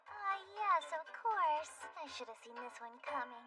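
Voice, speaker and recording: A woman playing a stern, suspicious young woman with measured, old-fashioned formal speech in an anime dub. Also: high-pitched, animated, pushed and bright, recorded from a distance, soft background music. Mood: solemn. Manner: measured, formal, archaic diction. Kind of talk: English anime dub acting.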